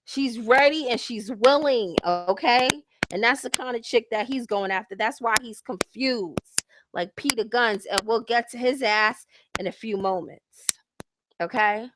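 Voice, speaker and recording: A woman's voice: on the high side, a little slow. Blunt, profane woman host over hiss. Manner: blunt, profane, heavy use of slang; lectures listeners directly. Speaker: host reviewing a reality show. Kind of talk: casual ranting commentary. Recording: hissy home recording.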